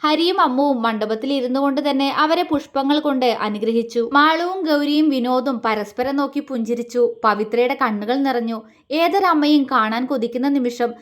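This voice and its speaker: A woman storyteller reading romantic story narration in a calm, heartfelt way. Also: sits high, fairly quick. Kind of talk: scripted narration.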